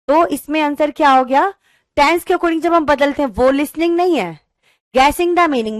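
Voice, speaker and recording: A woman teacher giving an online class, explaining slowly and reading questions out word by word. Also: high-pitched, dry recording, clean studio sound. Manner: calls students "beta", mixes English into talk.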